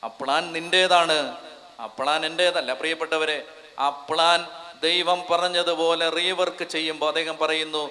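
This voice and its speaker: High bright-voiced priest preaching hard, gets the crowd to shout stuff back, lots of echo from a big hall. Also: male voice. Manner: fervent, urges the crowd to repeat phrases aloud. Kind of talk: convention sermon. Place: large convention hall. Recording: long reverb of a large hall.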